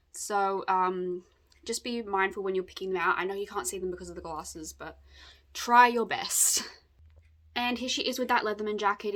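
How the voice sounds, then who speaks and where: A woman's voice: mid-range voice, fairly bright tone. Chatty young woman reviewing a doll. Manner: chatty, gushing, many fillers. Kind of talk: casual unboxing review.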